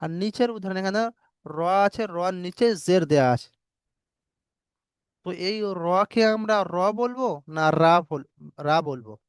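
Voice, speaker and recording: A man's voice: high voice, animated, unhurried, pauses often, clean tone, dry recording, clean studio sound. A man teaching Quran recitation rules in a lesson, patiently spelling out letters syllable by syllable and checking that students follow. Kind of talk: online tajweed lesson.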